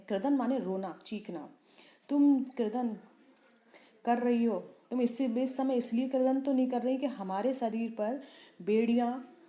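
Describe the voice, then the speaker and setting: A woman's voice: on the high side, warm tone, reverberant. Woman teacher explaining a poem. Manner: explains line by line, asks and answers her own questions. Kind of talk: Hindi poem explanation lesson.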